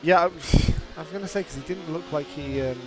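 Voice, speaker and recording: A man giving excitable, chatty live commentary on a sim race. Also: fairly high pitch, fairly quick, a little hiss or hum. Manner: excitable, exclaims at contact, chatty.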